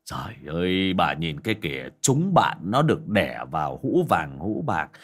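A man's voice: fairly low pitch, sing-song, normal speed, a bit bright, full character voice. A man voicing a spoiled, greedy young man who talks down to his mother in a bossy, scornful way.

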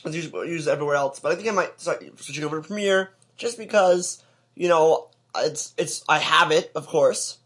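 A young man co-hosting a podcast in an easygoing, chatty way, with plenty of filler words. His voice is a bit husky and sits slightly high. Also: normal speed, fairly bright tone. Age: young adult. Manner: laid-back, chatty, filler-heavy. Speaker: podcast co-host. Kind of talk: casual chat.

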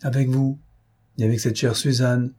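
A man voicing a gentle, loving young daughter who speaks in a soft, earnest way. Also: mid-range voice, flat delivery, normal speed, breathy edge, natural voice. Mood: tender.

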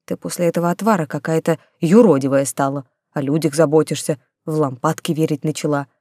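A woman's voice: low-pitched, fairly quick, darkish tone, no echo, studio quality. Woman voicing a snide grumbling talking rat. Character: sarcastic male talking rat familiar.

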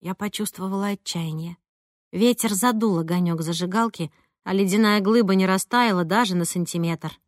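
A woman reading a first-person audiobook in an expressive, lively way. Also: mid-range voice, moderate pace, dry recording, studio quality. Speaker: audiobook narrator.

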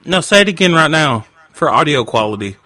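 A man speaking through a voice changer that shifts his voice down deep, playing a brash, pushy prank caller who talks in crude bro slang. The sound is bright and edgy, and it is close and dry, with no room around it. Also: animated, brisk, no room sound. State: drunk. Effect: voice changer pitching his voice deeper. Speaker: prank caller, radio show host. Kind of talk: prank phone call.

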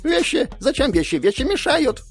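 A man voicing a fussy, childlike small creature that talks in squeaky, broken phrases. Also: very animated, moderate pace, vocal fry, faint music behind, full character voice. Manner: broken simple speech, squeaky.

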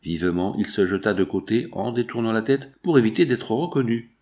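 A man narrating a novel in an expressive storytelling manner. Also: on the low side, a little fast. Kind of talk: audiobook narration.

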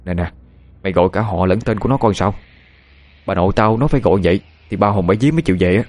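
A man voicing a nervous teenage schoolboy who talks quickly and in a hushed way. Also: deep voice.

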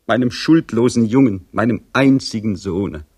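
A man's voice: fairly low pitch, animated, a little slow, darkish tone, slightly rough, pitched above the performer's own voice. A man voicing an old serf woman, a grieving mother pleading with force and conviction for her son. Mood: lamenting. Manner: pleading, insistent, impassioned.

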